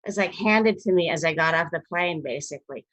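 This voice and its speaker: A woman in her fifties, an actress being interviewed over a video call, telling rambling, animated stories from her career and often breaking off mid-sentence. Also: fairly low pitch, a little fast, dry recording. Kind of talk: casual storytelling interview.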